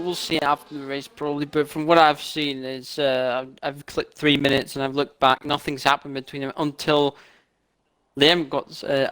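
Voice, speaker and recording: A man's voice: mid-range voice, fairly bright tone. Analytical male race co-commentator. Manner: puzzled, analytical, checks replays. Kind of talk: live sim racing commentary.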